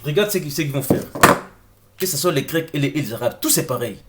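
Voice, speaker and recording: A man presents an online video lecture, an informal explanatory talk over on-screen text, in a high-leaning, animated voice at a quick pace. He addresses viewers directly with questions and often repeats words while searching for them. The recording is very noisy.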